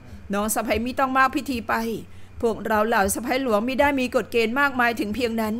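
Woman voicing a young palace consort, sweet-toned, measured, quietly stern, a bit high, storybook reading. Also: fairly even intonation, natural voice. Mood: gently reproving. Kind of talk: audiobook character reading.

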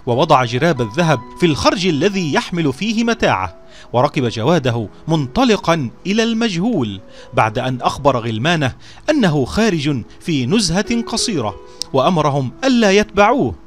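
A man telling a storybook tale in scripted narration, with a measured, expressive recitation. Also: on the high side.

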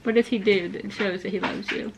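A mother chats casually at the dinner table. She asks her child patient, coaxing questions, and her voice sits at an everyday middle pitch. A loud wash of background noise runs under her voice. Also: fairly even intonation, fairly quick. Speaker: mother and channel host. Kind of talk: casual home vlog chat.

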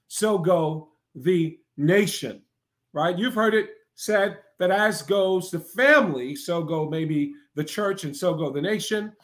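Male preacher, high-pitched, emphatic and repetitive, constantly checking in with the audience. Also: a bit bright. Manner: emphatic, repetitive cadence with frequent "right?" asides. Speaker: preacher and broadcast host. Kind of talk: preaching to a live online audience.

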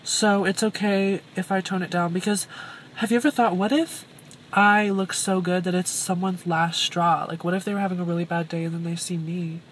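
A young woman, a thrift vlogger, chats casually into a phone camera held at arm's length, sounding bubbly and pleased with herself as she moves between a car and a thrift store. Her voice sits fairly low, with fairly even intonation and a moderate pace. It's a noisy phone recording.

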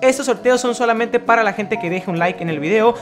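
Gamer host, hyped commentary, yells a lot, music playing loud behind. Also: medium pitch, a little fast. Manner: excitable, yells in sudden bursts. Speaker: gaming channel host. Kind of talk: excited gameplay commentary.

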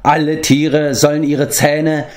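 A man voicing a wise, grave old man who watches over the animals, in a measured, stately storybook manner. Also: medium pitch, animated, a little mellow, natural voice. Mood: commanding.

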